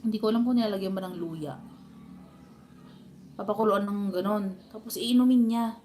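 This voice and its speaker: A woman's voice: mid-range voice, moderate pace, mellow, slight background noise. A woman with a Filipino accent chatting and telling family stories to her live stream viewers, laughing often. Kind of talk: casual live stream chat.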